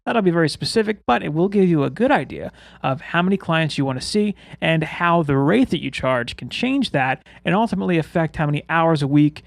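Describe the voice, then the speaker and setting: A man's voice: on the high side, animated, brisk, creaky, no echo. A man hosting a podcast in casual, chatty style, with whistling S sounds when he speaks. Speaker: podcast host.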